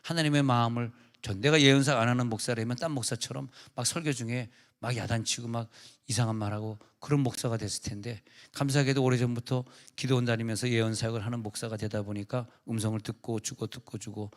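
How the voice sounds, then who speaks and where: A male pastor preaching a sermon in an emphatic, animated way, acting out conversations as he goes. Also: medium pitch, quick pace, hardly any pauses. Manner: emphatic preaching, acts out dialogues.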